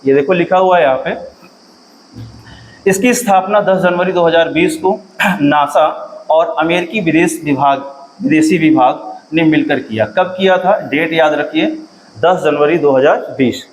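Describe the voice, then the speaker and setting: A man teaching an exam-prep lesson, repeating key facts, asking his students questions and often clearing his throat. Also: a little high, unhurried, a little hiss or hum, low-quality recording.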